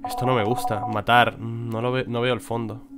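A man's voice: mid-range voice, level tone, moderate pace, noisy background. A young man with a Spain Spanish accent giving chatty let's play commentary and swearing when he gets frustrated. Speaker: gaming video creator. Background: game music.

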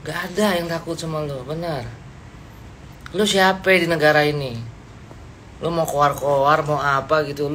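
Man, fairly high voice, blunt confrontational livestream rant, faint room hiss. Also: sharp tone. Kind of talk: ranting live stream to viewers. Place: indoors, seated.

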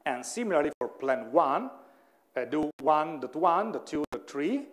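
A man's voice: a little high, lively intonation, a little slow. A man whose first language is Italian gives a university lecture, thinking aloud, correcting himself and often checking in with the class. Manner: thinking aloud, frequent "hmm?" checks with listeners, self-corrections.

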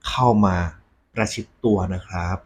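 A man hosting a ghost story segment, talking conversationally and politely to his audience with a husky voice. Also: moderate pace. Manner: polite, frequent Thai male polite particles.

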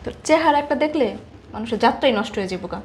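A woman's voice: on the high side, animated, racing, darkish tone, a little hiss or hum. An actress playing a cruel, bossy woman who scolds and belittles a young maid. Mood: contemptuous. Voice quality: scolding, contemptuous. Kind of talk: Bangladeshi short drama acting.

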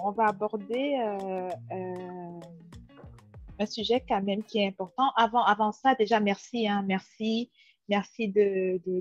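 A woman's voice: mid-range voice, dry recording. A woman hosting a video call interview over a headset, hesitant and repeating her words. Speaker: host. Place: small room at home. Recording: dry, dull call audio.

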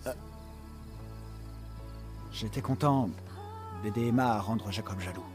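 A man's voice: fairly low pitch, a little slow, lightly acted. An actor playing an awkward, bashful young man in a horror game, hesitant and flustered. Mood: flustered, defensive. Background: prominent game music.

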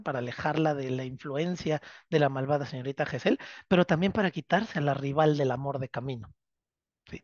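Lively lecturer, dull dry recording. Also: mid-range voice, dry recording. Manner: keeps checking understanding with tag questions; animated, dramatic storytelling. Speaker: literature teacher. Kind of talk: lecturing a course class.

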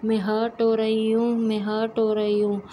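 A woman reading the lines of a young woman pleading that she is hurt, in a flat retelling. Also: on the high side, normal speed, slight background noise, natural voice.

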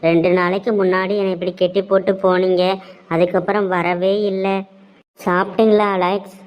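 A gentle, pregnant young cartoon woman with a Tirunelveli Tamil accent, voiced by a woman, polite and anxious. Her tone runs fairly flat. The recording sounds dull and lo-fi. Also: fairly low pitch, moderate pace, close to an everyday voice. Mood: gentle worry. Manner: soft, worried, polite. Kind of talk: cartoon voice acting.

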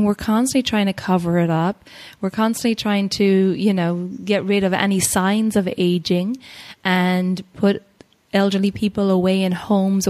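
A woman's voice: medium pitch, darkish tone. A woman in her forties hosting a podcast, agreeable and reflective as she chats with her guest. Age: 40s. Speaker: podcast host. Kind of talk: casual conversation.

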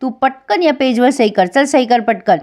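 A woman's voice: high-pitched, expressive, normal speed, darkish tone, voice pushed up. A woman voicing an angry, greedy, bullying man who barks harsh demands and threats in a TV serial recap. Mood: threatening.

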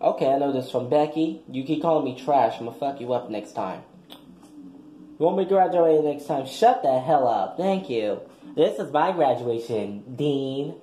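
A man's voice: mid-range voice, lively intonation, unhurried, warm tone, slight background noise, natural voice. A man voicing a brash, foul-mouthed young woman graduate giving a crude, combative speech in a comic skit. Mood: sassy. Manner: crude, combative, trash-talking. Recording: echoey room.

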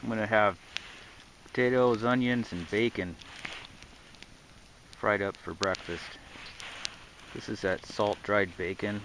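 A man's voice: lowish voice, steady tone, slow pace, long pauses. A middle-aged man talking plainly as he works at a winter campsite in a snowy forest, explaining each step on camera. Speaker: winter camper filming his trip. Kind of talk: casual outdoor narration. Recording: loud outdoor background noise.

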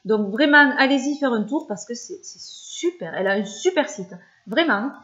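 A woman's voice: a little high, expressive, normal speed, a bit bright, highs cut off. A French-speaking woman vlogger chatting casually about her favorite channels, with many hesitations and fillers.

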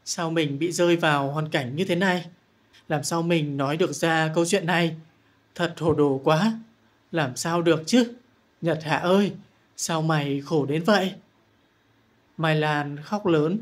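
A man narrating a romance audiobook in a measured, dramatic storytelling manner. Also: on the high side.

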